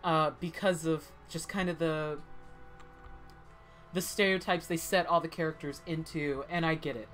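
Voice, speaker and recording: A woman with a fairly low voice rambles through casual commentary while she plays. Her talk is full of "like" and swings between heated complaints and cheer. Soft game music sits faintly behind her. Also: fairly even intonation, normal speed. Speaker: gameplay commentator. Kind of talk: casual gameplay chat.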